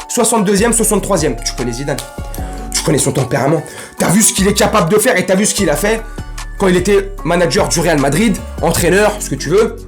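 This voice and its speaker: A man hosting a football fan vlog, ranting casually in street slang and breaking into loud outbursts and jokes. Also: sits high. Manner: animated, slangy, bursts into shouting and laughs. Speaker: football fan channel host.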